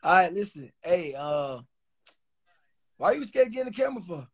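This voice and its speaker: A man's voice: high voice, very animated, normal speed, breathy edge. A man hosting a livestream on his phone, talking bluntly and teasing callers with plenty of profanity. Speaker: livestream host. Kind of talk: casual livestream chat.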